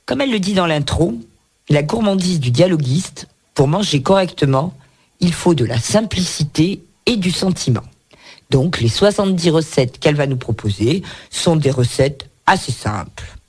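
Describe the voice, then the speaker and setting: A man's voice: fairly high pitch, lively intonation, normal speed, slightly rough. A man hosting a radio book segment, presenting a cookbook in a chatty way with playful asides. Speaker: radio book show host. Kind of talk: reviewing books on air.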